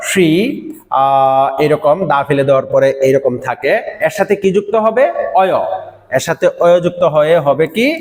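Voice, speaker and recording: A man teaching a vocabulary lesson, slowly repeating each word for the listener to say after him. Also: on the high side. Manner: slow drilled repetition of words. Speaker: language teacher. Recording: echoey room with long reverb.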